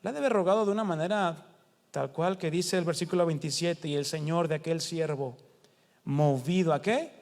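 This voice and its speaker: The long reverb of a prayer hall surrounds a Mexican man giving a sermon in a Mexican Spanish accent. His voice sits high for a man but has a darkish tone, at normal speed, and he talks conversationally, asking rhetorical questions and acting out the quotes he reads.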